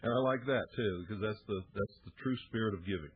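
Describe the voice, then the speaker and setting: A man speaks as a radio host in an earnest, plainspoken way, dotted with homely fillers. His voice is slightly low and husky. The sound is thin and narrow, like a phone line. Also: fast. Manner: earnest, heartfelt appeal with folksy fillers. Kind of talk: radio talk.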